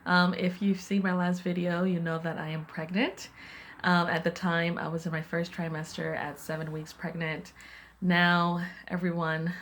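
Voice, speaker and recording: A young woman talking casually to her vlog viewers, chatty and a little out of breath, with lots of "um" fillers and excited bursts. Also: on the low side. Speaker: vlogger. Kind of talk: casual personal vlog talk.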